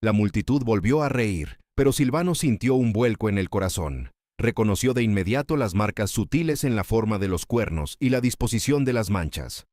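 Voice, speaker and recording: A man's voice: mid-range voice, a little mellow, no echo, studio quality. A man narrating a scripted dramatic story in a solemn, literary storytelling manner.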